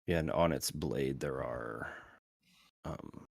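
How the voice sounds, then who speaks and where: A man running a tabletop game who describes scenes in detail and hesitates often. His voice is extremely deep, gravelly and husky, and it sounds dry and close. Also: slow, dry recording. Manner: descriptive, hesitant, many fillers. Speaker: game master. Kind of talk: tabletop role-play narration.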